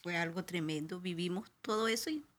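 A woman's voice: fairly low pitch, a little fast, a bit bright. A middle-aged woman, a pastor's wife, telling a personal testimony with emotion and many restarts.

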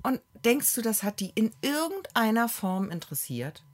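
A woman co-hosting a casual podcast chat, telling an everyday grievance in an indignant, animated way with repeated words for emphasis. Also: a little high, normal speed. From Germany. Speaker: podcast co-host.

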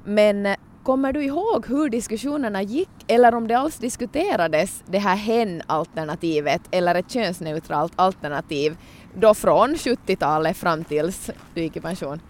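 A podcast host with a voice of ordinary pitch asks a guest questions in an engaged way. The host reads passages aloud carefully and then turns them into follow-up questions. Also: a little hiss or hum. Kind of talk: podcast interview with read-out quotes.

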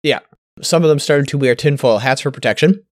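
A man's voice: medium pitch, darkish tone, no echo. Wry man with a dry close sound. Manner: wry, swearing, halting restarts. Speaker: podcast co-host. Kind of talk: casual chat, reading news stories.

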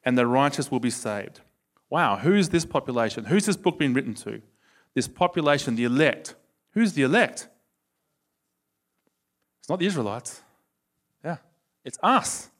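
An Australian man teaching a sermon to a live audience in a lively, conversational way, asking them questions. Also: on the high side. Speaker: preacher.

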